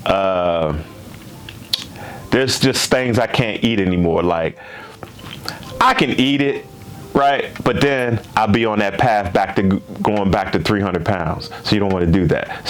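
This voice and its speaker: This man in his fifties hosts a gaming channel and talks to the camera in a relaxed way, often repeating things and tacking questions onto his sentences. He speaks a little slowly in a low-sitting voice.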